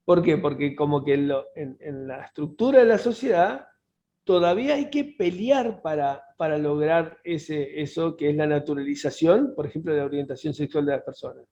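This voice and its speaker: A man's voice: fairly high pitch, expressive, moderate pace, warm tone. A man, co-hosting a casual podcast and reasoning through his points step by step. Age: 50s. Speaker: podcast co-host. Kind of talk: casual conversation. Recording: dull lo-fi sound.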